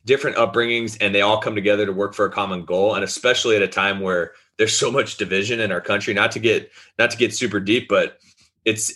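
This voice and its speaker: Man, lowish voice, bright forceful tone, enthusiastic casual sports chat. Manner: energetic and enthusiastic, talks in long runs. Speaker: sports podcast co-host.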